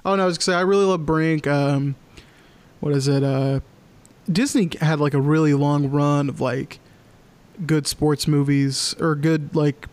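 A man's voice: a little high, steady tone, normal speed, a little mellow, smooth. Young man chatting, lots of "like". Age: young adult. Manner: filler-heavy, lots of "like". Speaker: podcast co-host. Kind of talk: casual chat.

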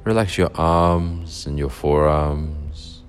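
A man leading a guided relaxation meditation, giving calm, soothing instructions with long pauses. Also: a bass voice, clean tone, soft background music.

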